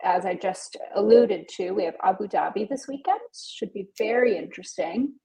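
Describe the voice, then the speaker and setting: A woman's voice: mid-range voice, expressive, moderate pace, gravelly, dark tone, poor audio. A woman co-hosting a podcast, upbeat and playful in casual chat. She closes out the episode and signs off. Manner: upbeat and playful, wraps up the show. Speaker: podcast co-host.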